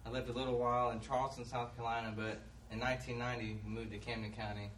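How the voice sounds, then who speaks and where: Quiet man from Florida, echoey. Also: mid-range voice, flat delivery, racing, noisy background. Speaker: church group member. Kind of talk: casual group introduction. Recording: echoey and distant.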